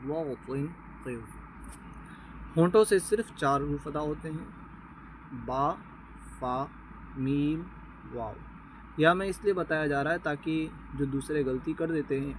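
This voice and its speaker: A man teaching a beginners' Quran reading lesson, patiently explaining terms, checking with his listeners, and slowly sounding out Arabic letters one by one. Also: on the high side, slight background noise, poor audio.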